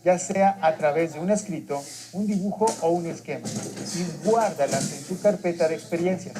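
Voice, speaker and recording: A narrator reading scripted instructions calmly to children. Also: medium pitch, normal speed, background noise. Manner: calm, instructive address to children. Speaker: program narrator. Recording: TV sound recorded by a home device, with music behind.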